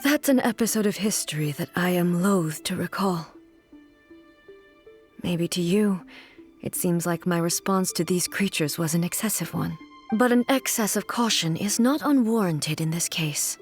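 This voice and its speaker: An actress voicing a calm, stern divine ruler who speaks in a measured, formal, commanding way. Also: female voice, on the low side, soft background music, close to an everyday voice. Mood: grave.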